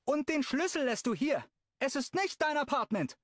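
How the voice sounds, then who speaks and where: A man voicing a sharp-tongued young woman who was left at the altar, in an audiobook. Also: very animated, normal speed, dry recording, clean studio sound. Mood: furious. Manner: shrill, cutting, much higher voice.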